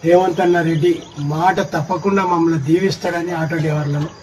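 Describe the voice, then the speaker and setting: A man's voice: a little high, fairly even intonation, fast, a little mellow, slight background noise, low-quality recording. A man with a Telangana Telugu accent, an auto driver, earnestly pleading with a politician for help. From Telangana, India. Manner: earnest, pleading, repeated "sir".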